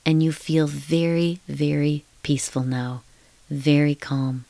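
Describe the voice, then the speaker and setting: A woman guides deep relaxation in a low, even voice. Her delivery is slow and soothing, like a hypnotic countdown, with hushed, repetitive phrases. The sound is close and dry, free of room echo. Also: gravelly.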